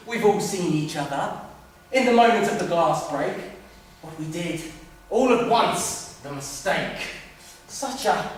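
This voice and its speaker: A man's voice: high-pitched, a little hiss or hum, full character voice. An actor playing a mocking, cruel male intruder on a live stage, recorded from far off in an echoey theatre. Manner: mocking, laughs at the others.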